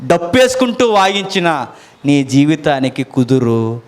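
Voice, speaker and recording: A man's voice: fairly high pitch, sing-song, a little slow. Male preacher voicing a frank woman passenger; matter-of-fact, lecturing. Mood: frank advising. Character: blunt woman passenger giving frank advice.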